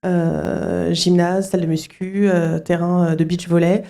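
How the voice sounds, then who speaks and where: A middle-aged woman, a school director, answering interview questions at a student fair, often pausing with fillers and restarting her sentences. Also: on the low side, little pitch movement, gravelly, warm tone. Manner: hesitant, many fillers and restarts.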